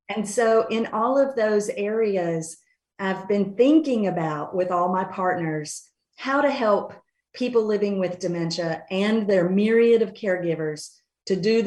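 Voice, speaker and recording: A woman's voice: fairly low pitch, a little mellow. A middle-aged woman with an Appalachian accent from Western North Carolina, answering conversationally as an interview guest. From Western North Carolina mountains, USA. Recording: roomy, echoing sound.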